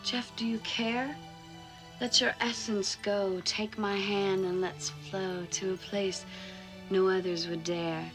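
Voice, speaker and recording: A woman's voice: mid-range voice, flat delivery, slow pace, close to an everyday voice. Teen big sister played by a young woman, melodramatic, reading her own love poem aloud, film scene with music underneath. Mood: swooning, romantic. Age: young adult. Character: dramatic teenage girl, vain older sister.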